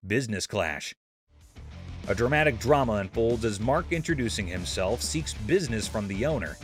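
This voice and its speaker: A man tells a scripted comedy recap with an animated, up-and-down voice. He leans into jokey comparisons and playful exaggeration. Soft music plays faintly behind him. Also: on the low side, moderate pace. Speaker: narrator.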